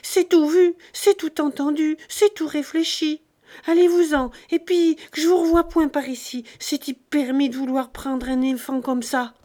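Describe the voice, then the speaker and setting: A woman voicing a fierce, indignant peasant farmwife who shouts in rustic speech. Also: medium pitch, sing-song, slow, few pauses, husky, full character voice. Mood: furious.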